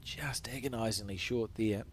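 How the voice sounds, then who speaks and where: A man's voice: fairly low pitch, normal speed, noisy background. A man with a New Zealand accent giving live sports commentary with chatty, light-hearted banter.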